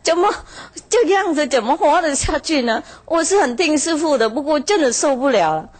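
Lady putting on a whiny stressed-out farmer guy, pitched up a bit, pleading and fed up. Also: expressive, moderate pace. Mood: exasperated. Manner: pleading, exasperated complaining. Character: frazzled middle-aged male farmer, whiny, overwhelmed.

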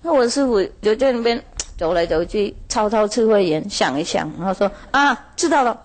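A woman's voice: medium pitch, a little fast, darkish tone. A woman telling a moral parable in a chatty way, laughing often and drawing out her filler words.

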